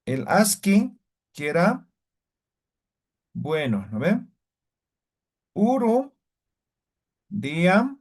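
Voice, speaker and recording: A male language teacher leads his class at an unhurried pace, patient and methodical. He keeps stopping to check that the students follow with quick tag questions. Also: sits high, very animated. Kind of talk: online class instruction.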